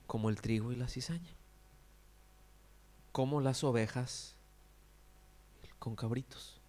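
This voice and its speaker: Male pastor, mid-pitched, chatty preaching that keeps checking in with the congregation. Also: slow, a little mellow. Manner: conversational preaching, frequent rhetorical questions; acts out quoted characters with exaggerated cries. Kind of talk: sermon.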